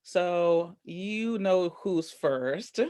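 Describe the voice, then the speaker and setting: A woman's voice: on the low side, expressive, extremely slow, warm tone. A woman hosting a workshop on a video call, upbeat, welcoming and chatty. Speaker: workshop host.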